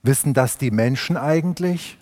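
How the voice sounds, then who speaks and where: A man's voice: mid-range voice, moderate pace, darkish tone, in a large hall, pitched below the performer's own voice, close to an everyday voice. A man voicing a carousing ox in a storybook fable, blunt and boozy. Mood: sheepish. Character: carousing, sheepish ox.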